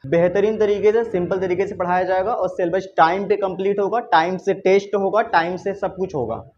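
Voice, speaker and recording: A male teacher giving a classroom English lesson, lively and coaxing, repeating his questions to the students. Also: high-pitched, brisk, dull audio, slight background noise.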